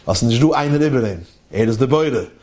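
Lively man preaching with lilt. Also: mid-range voice, fairly quick. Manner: lively, questioning, sing-song delivery. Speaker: religious teacher. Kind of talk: sermon to listeners.

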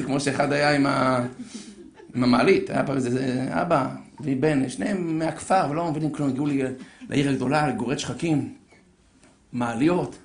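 A man telling a story to an audience in an animated way, building suspense and acting out the characters, in an echoey room. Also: fairly high pitch. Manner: lively, acts out voices, builds suspense.

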